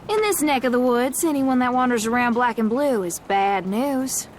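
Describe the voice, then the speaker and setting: An actress playing a gruff, wary young gunslinger in a video game, stubborn and world-weary, with a blunt, folksy Southern US drawl. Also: female voice, on the high side, moderate pace, slight background noise, lightly acted. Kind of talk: video game character acting.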